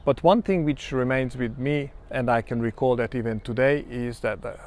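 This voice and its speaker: Hungarian-accented man, 50s, reflective personal monologue, mid pitch. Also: darkish tone. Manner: measured and reflective, many ums and pauses. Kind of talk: personal self-introduction monologue.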